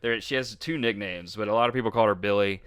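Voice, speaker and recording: A man's voice: fairly low pitch, fast, fairly bright tone, clean tone, no room sound, studio quality. A man co-hosting a casual film history podcast, rambling through stories with frequent fillers and laughs. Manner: rambling storyteller, laughs often, many fillers. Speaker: podcast co-host.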